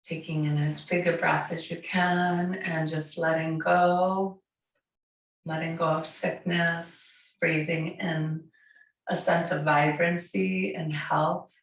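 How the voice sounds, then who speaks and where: Her voice low and her delivery flat, a woman in her forties leads a yoga class slowly and soothingly, offering soft encouragement despite the raspy hoarseness of a cold. The bright home studio has large windows, and a camera across the room records her distantly with lots of echo.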